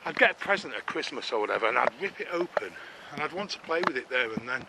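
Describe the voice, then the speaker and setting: A middle-aged man rambles cheerfully and self-deprecatingly as he walks, a little out of breath. His voice sits at an ordinary pitch for a man. The camera mic picks up clear outdoor noise and clicking behind him. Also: very animated, fast. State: slightly out of breath. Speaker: vlogger. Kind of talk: casual walking vlog narration. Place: outdoors on a woodland walk. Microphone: camera-mounted mic while walking.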